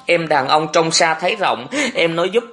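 A woman's voice: deep voice, moderate pace, a bit bright, soft background music, pitched above the performer's own voice. A narrator voicing a bitter, suspicious young mother who scolds her brother in an audiobook. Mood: reproachful. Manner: scolding, reproachful. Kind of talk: audiobook character reading.

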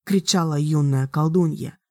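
A woman narrating an audiobook in a measured, dramatic reading. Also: sits low, no room sound, clean studio sound. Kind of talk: scripted narration.

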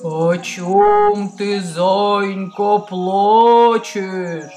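A woman voicing a big, gruff old male bear who speaks slowly and heavily and growls. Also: mid-range voice, steady tone, a little mellow, soft background music. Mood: gruff, roaring. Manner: slow heavy growling.

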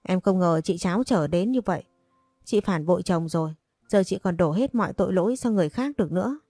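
A woman's voice: lowish voice, lively intonation, brisk, warm tone, soft background music. A woman voicing a spiteful young sister-in-law who accuses with whiny, mock-tearful complaints, in a storybook reading. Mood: accusing.

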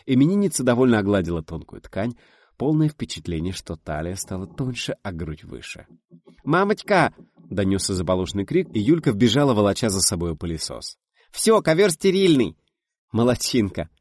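A man reading a novel aloud as an audiobook narrator, expressive and voicing each character. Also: deep voice, fairly quick, dry recording, clean studio sound.

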